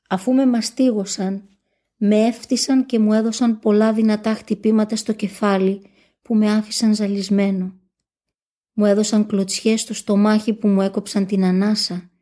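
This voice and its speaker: A woman reads a devotional text aloud in a steady, measured way. Her voice is warm and mellow and sits at a middle pitch. The delivery stays solemn and even throughout. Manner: steady, measured first-person recitation. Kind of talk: solemn religious text reading.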